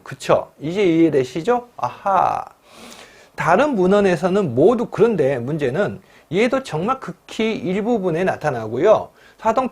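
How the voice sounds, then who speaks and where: A man's voice: sits high, a little mellow. A middle-aged man teaching an exam-prep lecture, asking his students rhetorical questions and stretching out words for emphasis.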